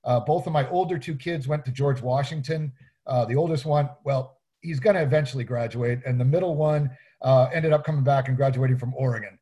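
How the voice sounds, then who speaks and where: A man who is mayor, leading casual meeting introductions, relaxed and hesitant with many fillers. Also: medium pitch, a little fast. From Hawaii.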